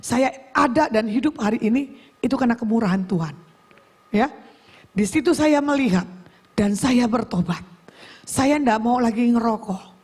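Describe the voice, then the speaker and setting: A middle-aged woman evangelist giving a testimony sermon at a church youth service, telling her story with lively acted-out quotes and loud outbursts. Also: on the high side, normal speed, long pauses, husky. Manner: animated storyteller acting out quotes, shouting at climaxes. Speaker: evangelist preacher.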